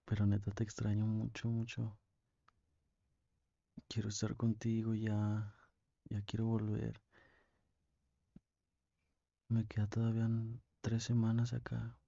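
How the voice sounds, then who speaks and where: Man acting as a young Mexican boyfriend, ASMR role-play, tender, very flat low pitch, dull close recording. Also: creaky, dry recording. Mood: longing. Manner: tender, slow, intimate, with pauses. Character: affectionate young boyfriend on a phone call, tender and lovesick. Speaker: ASMR performer.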